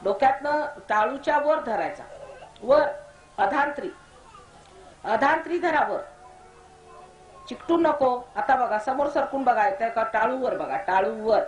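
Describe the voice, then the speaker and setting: This spiritual teacher's voice sits on the high side and sounds animated, moving a little slowly with frequent pauses. She commands and scolds a gathering while guiding them through meditation. The recording has the echo of a hall.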